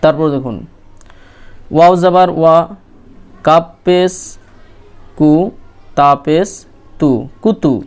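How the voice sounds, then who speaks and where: Male recitation teacher. Slow, clear, slightly high voice, spelling letters then chanting words. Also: fairly even intonation, a little mellow.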